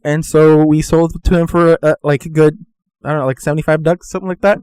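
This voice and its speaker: A young man chatting casually as podcast host, his voice a touch higher than most men's. He rambles through fillers and restarts in a dry, close-miked sound. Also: level tone, quick pace, a little mellow, clear, resonant tone, no echo. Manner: rambling, filler-heavy, laughs easily. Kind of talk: casual chat.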